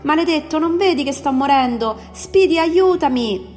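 A woman's voice: lowish voice, steady tone, moderate pace, lightly acted. A woman voicing a desperate male space engineer. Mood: desperate shouting. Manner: pleading, shouting in despair. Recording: long reverb, faint music behind.

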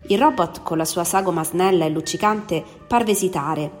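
A woman reading a story aloud, narrating in an expressive, steady way. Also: on the low side, moderate pace. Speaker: story reader. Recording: long reverb, faint music behind.

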